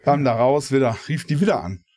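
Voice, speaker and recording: A man's voice: mid-range voice, lively intonation, fairly quick, a crowd in the background. A man with a Ruhr German accent, co-hosting a podcast and telling rambling everyday anecdotes in casual chat, acting out the people he quotes. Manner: rambling anecdotal storytelling, acts out quoted voices. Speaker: podcast co-host.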